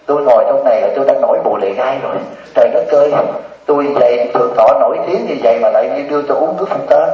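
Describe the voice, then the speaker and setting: A man with a Southern Vietnamese accent, a Buddhist monk giving a humorous dharma talk to a congregation as a lively, teasing storyteller. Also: mid-range voice, racing. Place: hall with a live audience. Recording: roomy dull sound from a distant mic.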